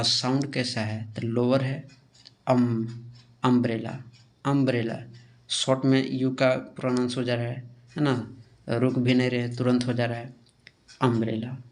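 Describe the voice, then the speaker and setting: A man teaches a grammar lesson in a mid-range voice. He moves through the material step by step, checks in with "theek hai" and answers his own questions. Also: medium pitch. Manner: asks questions and answers them himself.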